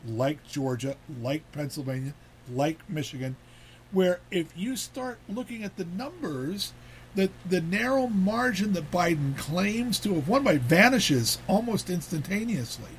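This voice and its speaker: Male host, slightly high voice, loose chatty delivery with many restarts. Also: measured pace, slight background noise. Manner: rambling, repeats words, animated. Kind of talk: casual talk show chat.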